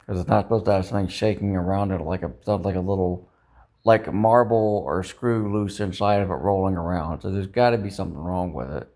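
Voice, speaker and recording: A slightly mellow, low-sitting male voice keeps a steady tone and a brisk pace. The vlogger rambles informally, ruminating and questioning himself, with mild swearing mixed in.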